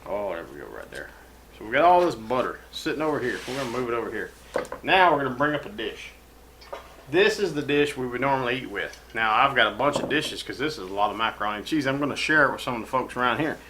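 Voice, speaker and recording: A man's voice: medium pitch, lively intonation, quick pace, reverberant, background noise. A man hosting a casual home cooking show, talking in a rambling, profane, folksy way from his kitchen.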